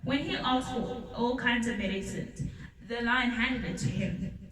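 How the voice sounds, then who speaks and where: A woman reads a children's story aloud at an unhurried pace, stumbling now and then and starting words over. Her voice sits a little high. The recording is roomy, and she sounds some way off from the mic. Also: fairly bright tone, recorded from a distance. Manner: unhurried, with small slips and restarts. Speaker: storybook reader.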